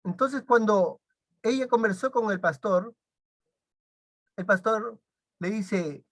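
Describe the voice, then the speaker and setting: Woman, church teacher, storytelling, halting restarts, mid-pitched voice. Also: no echo. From Peru. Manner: retells a story with quoted dialogue, halting restarts. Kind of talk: sermon storytelling.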